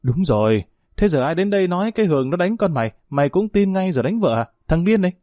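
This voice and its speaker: A man voicing a sharp-tongued, quarrelsome older aunt in a spoken family drama. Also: medium pitch, animated, no room sound, clean studio sound, close to an everyday voice. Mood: scolding, furious. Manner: harsh, berating, rapid tirades.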